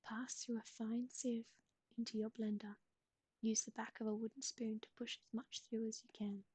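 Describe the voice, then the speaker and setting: Breathy woman whispering softly, close up. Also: on the high side, level tone, normal speed, no room sound. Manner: gentle asides to a pet. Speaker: ASMR streamer. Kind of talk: whispered ASMR recipe reading.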